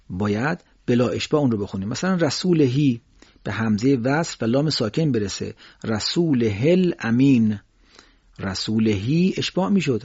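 A man explains recitation rules in a patient lesson, pausing to sound out examples slowly and repeat them. His voice is husky and mid-pitched. The recording is dry and dull, with a lo-fi edge. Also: a little mellow, no room sound. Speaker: teacher.

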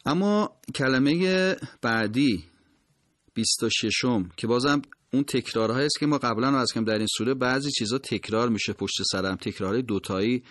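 A man teaching Quran recitation. He explains each point and then chants the words slowly in a drawn-out style. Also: medium pitch, fairly bright tone. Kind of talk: recitation lesson.

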